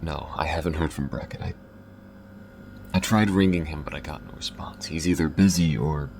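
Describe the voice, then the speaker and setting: In an intimate audio roleplay, a man voices a gruff, devoted alien smuggler, his deep gravelly voice halting, tender and often hushed. He sounds relieved and determined, with a little hiss or hum on the recording.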